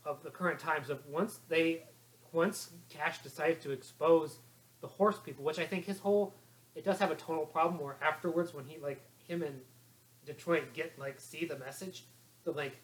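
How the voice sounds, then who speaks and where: Casual swearing man, slightly high voice. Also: fairly even intonation, rough recording. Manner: enthusiastic, swears freely, talks in quick runs. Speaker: podcast co-host. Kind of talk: casual movie discussion.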